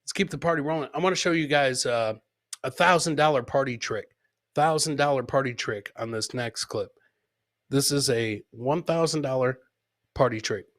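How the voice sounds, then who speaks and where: The host of a live comedy podcast speaks in a mid-range, fairly bright voice at a moderate pace. He makes joking remarks about clips, repeats himself for effect, and mimics the people he talks about.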